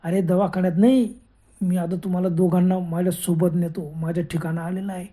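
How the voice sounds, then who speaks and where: A man voicing the menacing ghost of a man killed in an accident, speaking low and threatening. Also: level tone, brisk, warm tone, natural voice. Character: menacing ghost of a dead accident victim, male.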